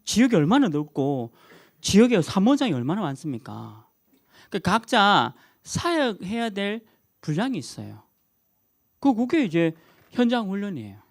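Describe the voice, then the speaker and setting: A middle-aged male pastor preaching a sermon, emphatic and animated, repeating key words and chuckling at his own jokes. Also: sits high, no echo, clean studio sound.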